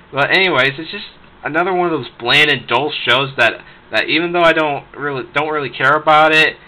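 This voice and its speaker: A man with a very bright, sharp voice rants through a review of shows he dislikes, stumbling over many restarts. His pitch sits in a middling range, and he swears and laughs as he goes. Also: poor audio. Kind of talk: unscripted ranting review.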